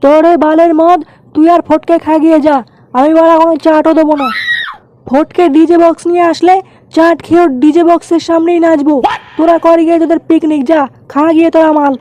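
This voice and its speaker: A man with a West Bengal accent voicing a hot-tempered, foul-mouthed picnic ringleader in a comic cartoon, scolding and blustering through a pitched-up effect. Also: level tone, a little fast, a little mellow, slight background noise, poor audio. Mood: furious.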